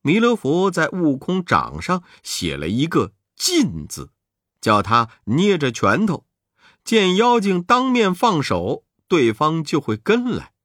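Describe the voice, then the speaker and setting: A man reading a children's story aloud, slow and deliberate. His pitch rises and falls dramatically from phrase to phrase. The sound is close and completely dry. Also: huge pitch swings, a bit bright, no room sound.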